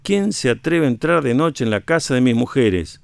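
A man reading a tale aloud, voicing a proud male king who demands slowly who dares enter. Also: mid-range voice, big pitch swings, vocal fry, no room sound. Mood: indignant.

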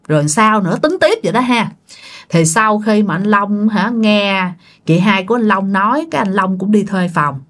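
Speaking with a Southern Vietnamese accent and a mid-range voice, a woman tells a ghost story in a chatty, casual manner, talking directly to her listeners.

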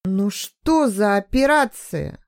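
A woman's voice: medium pitch, animated, slow, a little mellow, no room sound, clean studio sound. A woman reading an audiobook, voicing a terrified young woman held captive who screams and pleads in hysterics. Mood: weak, slurred. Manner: screaming, sobbing pleas.

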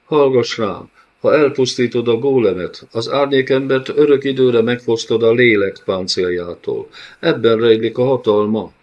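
A man's voice: medium pitch, darkish tone, pitched above the performer's own voice, lightly acted. A man reading an audiobook, voicing a desperate young woman who pleads urgently with the hero, on a dull lo-fi recording.

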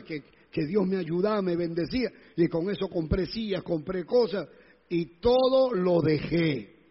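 Pastor de voz aguda y ronca, con eco. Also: male voice, high voice, husky. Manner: emphatic, repeats phrases, acts out quoted voices. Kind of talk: sermon. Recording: dull lo-fi sound with long hall reverb.

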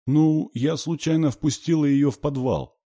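A male reader voicing a frightened little girl who squeaks and sniffles. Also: fairly even intonation, measured pace, mellow, no room sound, clean studio sound.

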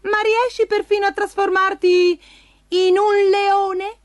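A woman voicing a sly, scheming male cat in boots in a storybook reading, with a high, hissing, wheedling delivery. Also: level tone, takes it slowly, no echo. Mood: coaxing.

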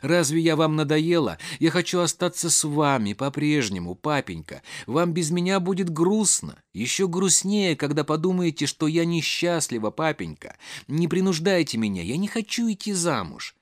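A man's voice: on the high side, sing-song, moderate pace, no echo, clean studio sound, voice pushed up. A man voicing a desperate young noblewoman who pleads tearfully, in a storybook reading. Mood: pleading.

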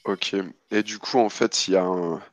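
A man improvising narration as a tabletop game master, casual and halting, often repeating words as he goes. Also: low voice, fairly even intonation, no echo.

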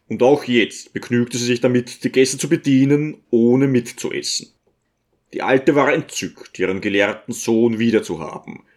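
Guy reading an old novel aloud, calm measured audiobook narration. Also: medium pitch. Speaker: audiobook reader. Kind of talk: scripted narration.

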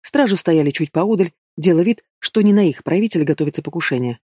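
A man narrating a story in the first person, in a steady and even storytelling manner. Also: fairly high pitch, fast, husky, dry recording, clean studio sound. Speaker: audiobook narrator.

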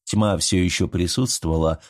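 A man giving measured, scripted narration of a fairy tale. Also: deep voice, steady tone.

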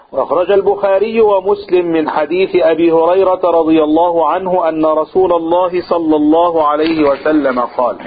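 A man with an Egyptian Arabic accent teaching a religious lesson to a group. He asks the room questions and answers them himself, and he draws out vowels to demonstrate recitation. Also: a little high. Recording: husky, phone-like lo-fi recording.

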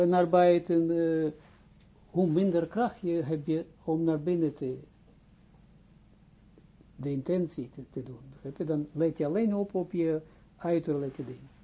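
Husky, very mellow male rabbi teaching. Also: a little high, highs cut off. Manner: halting, restarts phrases, keeps checking understanding. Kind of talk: informal spoken lesson.

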